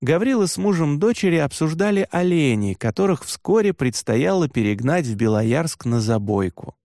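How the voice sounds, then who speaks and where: A man reading a children's audiobook in first person, with an expressive, lively delivery. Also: fairly high pitch, moderate pace, no echo, clean studio sound. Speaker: audiobook narrator.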